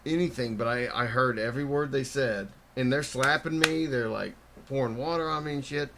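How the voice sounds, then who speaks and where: A man hosting a podcast, telling wild stories in an animated, profane way. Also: mid-range voice, moderate pace, noisy background. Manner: animated, swearing storyteller. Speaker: podcast host. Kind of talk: casual chat.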